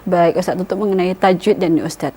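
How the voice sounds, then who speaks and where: A woman's voice: lowish voice, fairly even intonation, brisk, mellow, a little hiss or hum. A woman hosting a religious call-in TV show, speaking politely and respectfully to the teacher. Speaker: TV program host. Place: television studio.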